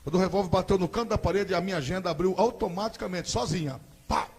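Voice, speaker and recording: A man with a Brazilian Portuguese accent giving a dramatic testimony sermon at a church service, rising into shouted preaching. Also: high voice, fast, breathy edge.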